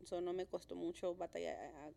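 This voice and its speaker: A woman's voice: fairly low pitch, completely flat delivery, fairly quick, creaky, warm tone. A woman in her thirties from Mexico, a podcast co-host talking in a friendly, easy way. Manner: friendly, encouraging interviewer. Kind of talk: casual conversation.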